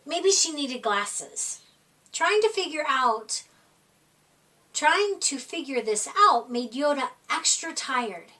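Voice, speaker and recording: Slowly and in a high voice, a woman performs a picture book for little kids, drawing out words in a theatrical storytime style. She is recorded from a distant microphone.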